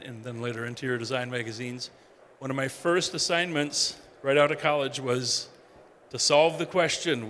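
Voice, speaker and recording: Male journalist moderator, conversational, mid pitch, faint background noise. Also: a bit bright. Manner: conversational, some fillers and restarts. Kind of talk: panel moderation. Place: exhibition hall stage.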